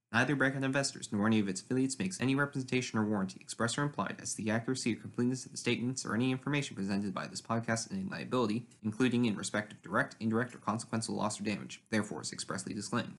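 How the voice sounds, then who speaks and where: A man reading a scripted legal disclaimer at speed, in an unbroken announcer delivery. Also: on the low side.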